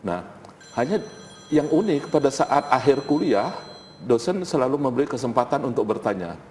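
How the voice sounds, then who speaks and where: A man's voice: medium pitch, big pitch swings, normal speed, darkish tone. A middle-aged man telling informal anecdotes as an interview guest, repeating phrases for emphasis. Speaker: interview guest, college head. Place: TV studio. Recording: reverberant hall, faint background noise.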